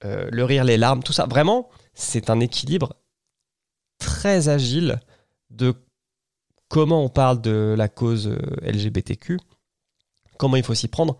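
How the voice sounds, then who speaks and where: A man's voice: mid-range voice, expressive, measured pace, gravelly, long pauses, darkish tone, no room sound. Brief: male podcast host, dry close sound, chatty and enthusiastic, lots of "euh" restarts. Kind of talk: casual podcast recommendation.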